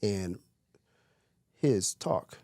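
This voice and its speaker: Playful man host with a low, dry voice. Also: animated, extremely slow, vocal fry, darkish tone, dry recording. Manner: playful, joking, upbeat. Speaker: podcast host. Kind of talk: casual podcast talk.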